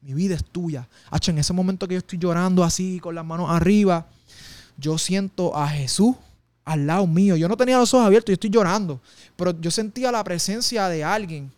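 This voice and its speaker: Man, interview guest, emotional testimony, slightly high and dry-sounding. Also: fairly quick, darkish tone, clear, resonant tone, no room sound. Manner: intense, emotional storytelling with street slang. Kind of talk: personal testimony in conversation.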